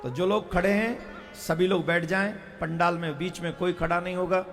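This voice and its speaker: A man's voice: high voice, steady tone, moderate pace, gravelly, in a large hall, faint music behind. A male preacher giving a devotional sermon to a live crowd, earnest and teasing the listeners, calling on them to respond. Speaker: kathavachak preacher.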